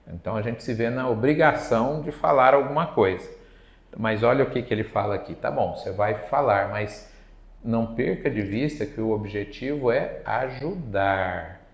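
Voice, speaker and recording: A man's voice: mid-range voice, vocal fry, a little mellow. A man from Brazil giving an evening spiritist lecture in a conversational way, acting out quoted dialogue. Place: spiritist center meeting hall. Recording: echoey lecture hall.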